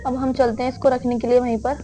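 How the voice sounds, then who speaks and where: A woman's voice: high-pitched, flat delivery, fast, warm tone, slight background noise. A young woman hosting a horror game let's-play, chatting casually to viewers and keeping up a stream of questions to a helper beside her. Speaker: gaming video host.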